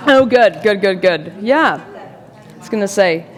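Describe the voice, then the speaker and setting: A woman's voice: medium pitch, animated, a little slow, in a large hall. A woman presenting a baking demonstration at a church forum, answering audience questions in a friendly, casual way. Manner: friendly, answers questions by name, laughs easily.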